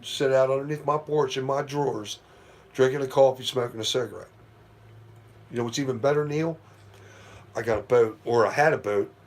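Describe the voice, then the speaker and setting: Middle-aged man, live stream host, rambling, profane, chatty, late night at home. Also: medium pitch. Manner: rambling, profane storytelling with frequent "you know". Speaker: livestream host. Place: at home near porch, at night.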